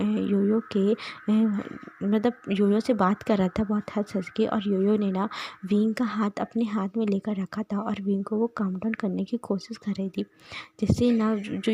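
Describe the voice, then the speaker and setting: Woman, storyteller, hushed half-whisper, breathy, mellow dark tone, dry close sound, casual fan-fiction retelling. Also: medium pitch, no room sound. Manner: soft half-whispered narration with frequent restarts.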